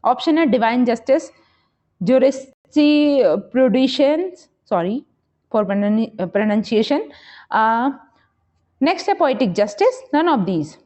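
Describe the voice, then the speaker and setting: Woman teacher, exam-prep quiz lesson, high voice, reads questions slowly then explains fast, muffled lo-fi sound. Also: animated, darkish tone. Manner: reads questions slowly, explains quickly in Hindi-English mix.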